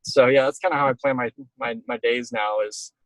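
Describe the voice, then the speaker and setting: A man's voice: mid-range voice, fairly even intonation, fairly quick, a bit bright, no room sound, poor audio. A middle-aged man speaking as an interviewed storm chaser, casual and reflective, talking in rambling stop-start phrases.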